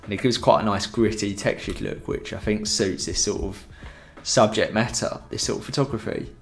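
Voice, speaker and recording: Over soft background music, a young man with a lowish voice speaks at a normal speed in a chatty, meandering photography tutorial. He's streaming live from a room at home on a headset mic and uses plenty of fillers.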